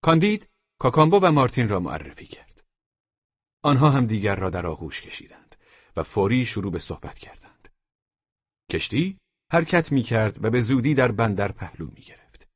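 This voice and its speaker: A man narrating an audiobook in a measured, even storytelling manner. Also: lowish voice, husky, no room sound. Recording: dull lo-fi dry recording.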